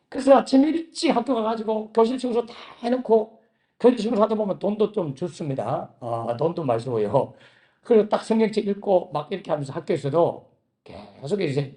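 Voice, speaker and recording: A man preaching a sermon in a Gyeongsang Korean accent, telling his own story with lively swings between quiet narration and loud, pleading outbursts. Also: sits high. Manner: animated storytelling, acting out his own past prayers with sudden loud outbursts. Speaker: pastor. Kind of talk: sermon with personal testimony.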